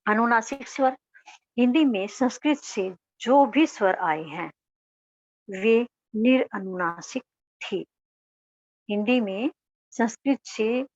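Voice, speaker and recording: A woman's voice: mid-range voice, no echo. A woman teacher giving a grammar lesson, asking her class questions and answering them herself. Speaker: school teacher. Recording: dull, dry lo-fi recording.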